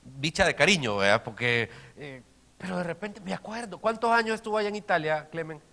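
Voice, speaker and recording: A man preaches with a bright, ringing voice that sits a little high for a man. He moves from hushed, intimate asides to loud, repeated emphasis. The sermon keeps shifting in volume and drive. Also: expressive, a little fast, gravelly. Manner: dynamic preaching, swinging from soft to shouted emphasis. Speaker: pastor.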